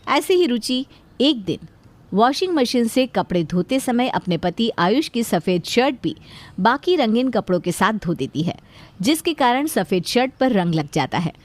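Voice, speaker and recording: A woman's voice: on the high side, big pitch swings, normal speed. Woman narrating a cartoon story.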